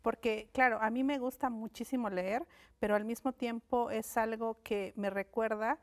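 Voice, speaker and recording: A Mexican linguist and writer whose first language is Mixe (Ayuujk) appears as a guest in a thoughtful, unhurried interview on a studio set. She uses a lot of fillers and restarts, speaking in a steady voice that sits on the high side.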